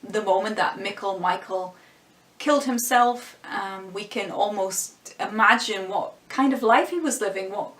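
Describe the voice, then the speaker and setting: She speaks at a measured pace with a medium, slightly bright voice in an echoey room, reviewing a TV series for her vlog. Her voice is giving out, and her thoughtful musings come with frequent restarts and small laughs.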